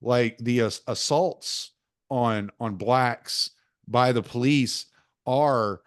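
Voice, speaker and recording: A man hosting a casual interview podcast, talking in an opinionated, lively way. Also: mid-range voice, extremely slow, clean tone, no echo, clean studio sound. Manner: opinionated, animated when quoting others. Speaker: podcast host. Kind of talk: casual conversation.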